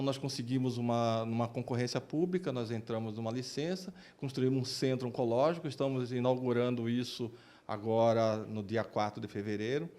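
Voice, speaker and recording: In this interview, an oncologist and researcher explains his work, speaking as a doctor. His voice is mid-pitched and a bit mellow, his accent Brazilian Portuguese, and he frequently repeats words as he hunts for how to say things.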